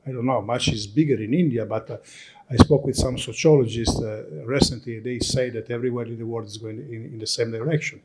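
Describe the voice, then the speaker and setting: Here an Italian man whose mother tongue is Italian gives a conference presentation, stumbling through English with an Italian accent and repeatedly restarting and echoing words. He speaks at a medium pitch over the sound of a crowd.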